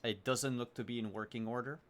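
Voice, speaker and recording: A man's voice: mid-range voice, fairly even intonation, fairly quick. A man narrating a tabletop role-playing game as game master, improvising descriptions as he goes.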